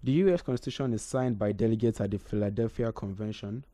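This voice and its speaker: Fast and dark-toned, with fairly low pitch, this man is co-hosting a laid-back history talk on the radio. Hesitations and repeated words come up often as he gathers his thoughts.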